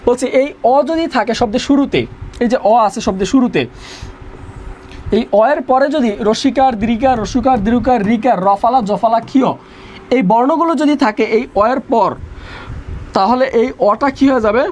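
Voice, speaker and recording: A man's voice: very high-pitched, normal speed, darkish tone, a little hiss or hum. A young man teaching an online revision class, repeating rules and quizzing his students.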